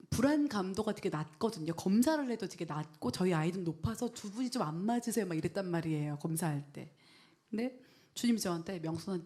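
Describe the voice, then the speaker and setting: Woman pastor, middle-aged, earnest testimony, whispered prayer quotes, lively storytelling. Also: medium pitch. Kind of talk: testimony sermon.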